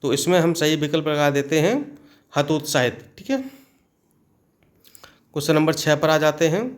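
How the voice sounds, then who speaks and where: A man's voice: on the high side, normal speed. A male teacher going through exam questions step by step, often stopping to check in with his students. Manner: explains step by step, often adds a checking "okay". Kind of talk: exam-prep lesson.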